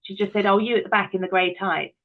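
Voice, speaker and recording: Speaking fast in a mid-range voice, a middle-aged British actress, director and writer shares reflective personal anecdotes as a podcast guest. She's candid and self-deprecating, and the call audio sounds thin, like a phone line.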